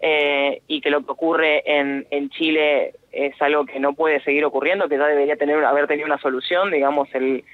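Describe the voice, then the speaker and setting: A woman with an Argentine accent, a guest activist speaking earnestly on a phone interview, halting often with fillers and restarts. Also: sits low, fairly even intonation. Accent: Argentine Spanish. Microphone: telephone. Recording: tinny phone line.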